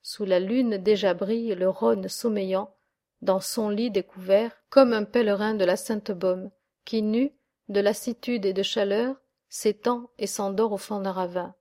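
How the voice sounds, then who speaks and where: Slow, measured woman narrator. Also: mid-range voice, steady tone, warm tone. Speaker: audiobook reader. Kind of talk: scripted narration of a classic verse tale.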